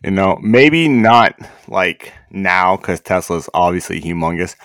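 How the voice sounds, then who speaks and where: A man's voice: low voice, animated, unhurried, fairly bright tone, no echo. A man chatting casually on a podcast in slangy, heavily profane speech, calling the listener bro and dude.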